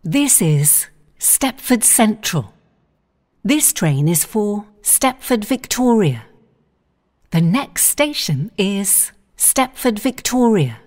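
A woman giving automated onboard train announcements in a slow, polite, formal manner. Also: mid-range voice, very animated, darkish tone. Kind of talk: recorded public announcement.

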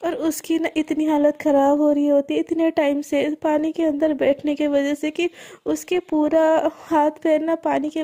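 A woman's voice: sits high, vocal fry, dark tone. A woman telling a serialized love story in a conversational, intimate way.

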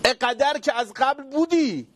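A scornful grown man taunts and doubts, his voice climbing high and thin with mockery, as a man preacher puts him on. The delivery is needling and sneering within a spoken religious story. It rises well above an ordinary speaking voice. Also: a little hiss or hum. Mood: mocking. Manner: mocking, needling.

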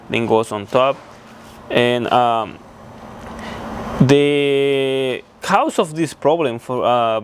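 A young man walks through a truck repair in an indoor shop, speaking in plain, halting sentences full of fillers. His voice sits at an ordinary pitch. A faint hum of shop noise lingers underneath. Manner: plain, halting explanation with many fillers and restarts. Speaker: truck mechanic. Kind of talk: hands-on repair walkthrough.

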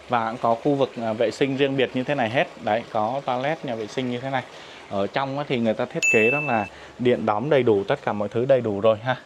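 A man in the middle of a walking tour of a property, talking to viewers in a polite, deferential way and filling pauses with hesitations. His voice sits at an ordinary pitch and is picked up outdoors on a handheld phone, with a faint hiss and the sound of the open air behind him. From Vietnam. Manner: polite and deferential, frequent fillers, addresses viewers respectfully. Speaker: real estate agent giving a property tour. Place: outdoors at a riverside farm resort.

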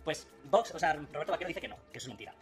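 A man's voice: a little high, expressive, racing. A man, mocking a rival in a video commentary with sarcasm and laughter, faint music behind. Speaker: political commentator.

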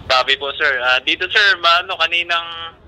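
A man's voice: on the high side, moderate pace, roomy sound. A man heard over a walkie-talkie radio, answering a radio check in a polite, deferential way with hesitant fillers. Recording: distant radio voice with heavy static.

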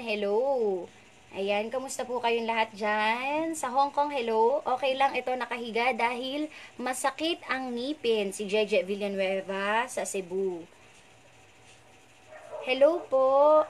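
A woman's voice: fairly high pitch, slight background noise. A young woman hosts a casual live stream from home, chatting playfully and reading out viewers' names and greetings. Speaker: radio host doing a live stream.

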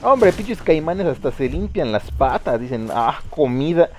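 Excitable Mexican man, swearing gamer. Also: a little high, unhurried, slight background noise. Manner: casual, excitable, swears freely, talks to chat. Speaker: streamer. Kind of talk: live gameplay commentary.

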